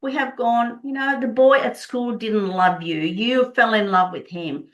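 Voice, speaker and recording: A middle-aged woman from Prague, a native Czech speaker and Body Code practitioner, speaks unhurriedly in a voice on the high side as an interview guest. She explains her work earnestly and enthusiastically, though the audio is poor.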